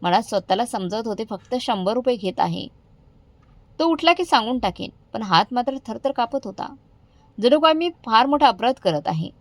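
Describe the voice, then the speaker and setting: A woman's voice: on the high side, lively intonation, normal speed, no echo, low-quality recording. A woman storyteller narrating an emotional first-person story, heartfelt in manner.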